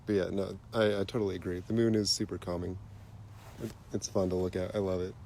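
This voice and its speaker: Chill guy chatting on a night stream, low mellow voice, bit stuffy, faint hiss behind. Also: fast talker, gravelly. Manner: relaxed, chatty, laughs easily. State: stuffy nose. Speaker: livestream host. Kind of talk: casual live chat while stargazing. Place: outdoors at night by a telescope. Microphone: phone.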